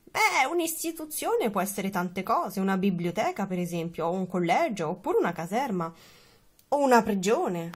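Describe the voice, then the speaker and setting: A woman voicing a calm, patient teacher who explains slowly in a storybook reading. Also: mid-range voice, husky. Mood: explaining.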